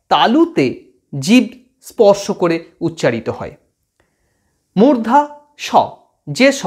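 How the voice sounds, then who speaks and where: A man teaching students phonetics, patiently explaining and repeating sounds aloud to demonstrate them. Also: sits high.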